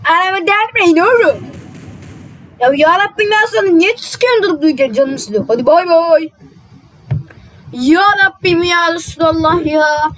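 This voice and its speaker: A woman's voice: extremely high pitch, normal speed, a bit bright, slight background noise, poor audio. A woman playing out a game roleplay in casual, exasperated, muttering speech. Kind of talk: casual game roleplay, voicing several characters.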